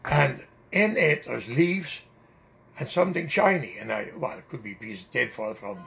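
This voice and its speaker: A man's voice: mid-range voice, expressive, normal speed, creaky, fairly bright tone, slight background noise. An older man with a Dutch accent, telling long rambling stories with many hesitations in an oral history interview. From Netherlands.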